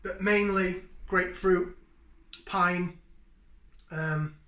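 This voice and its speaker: Speaking very slowly in a high, sharp voice with a steady tone, a man in his thirties reviews a beer at home. He chats enthusiastically while sniffing and sipping in a casual tasting. The echoey kitchen is recorded by a fixed camera at table distance.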